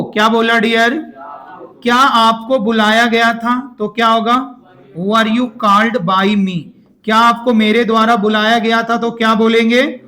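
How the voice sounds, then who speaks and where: A man with a fairly high voice and an Indian accent teaches English grammar to his class. He stretches out the example sentences slowly and keeps asking students to say them back. He addresses them as "brother" and "dear". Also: fairly bright tone. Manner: drills phrases slowly and asks the class to repeat.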